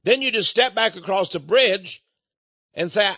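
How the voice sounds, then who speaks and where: High-voiced man ranting indignantly. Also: measured pace, creaky, bright, forceful tone, no echo. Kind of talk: political commentary monologue. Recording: dull, dry lo-fi recording.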